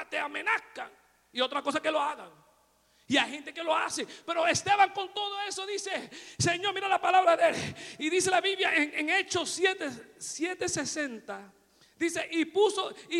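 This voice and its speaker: A male pastor preaching a sermon, shouting out lines and then dropping to a hushed, almost whispered voice. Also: extremely high pitch, moderate pace, long reverb tail.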